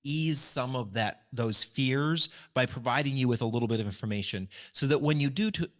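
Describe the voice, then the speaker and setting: A man's voice: mid-range voice, moderate pace, a bit bright. A middle-aged man in a middle register co-hosts a casual podcast. He explains things patiently with frequent fillers and laughs often. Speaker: podcast co-host. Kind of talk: casual chat.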